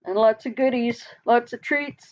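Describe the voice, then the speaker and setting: A woman's voice: a little high, fairly even intonation, normal speed, highs cut off. A woman hosting a casual live chat with her viewers, talking in a loose, rambling way with frequent laughs and trailing sentences. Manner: chatty, laughs often, trails off mid-sentence. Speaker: livestream host.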